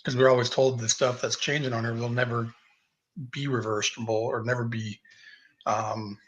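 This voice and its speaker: A man's voice: mid-range voice, level tone, moderate pace, muffled recording. A man who is a guest on a casual livestream chat, speaking earnestly in loose, run-on sentences.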